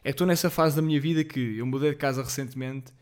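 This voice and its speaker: A man in his twenties, medium-pitched and a little mellow, talks with a steady tone at a quick pace in a European Portuguese accent laced with Lisbon slang. He rambles through his casual solo podcast with many fillers, self-deprecating and apologetic about being jittery and off rhythm.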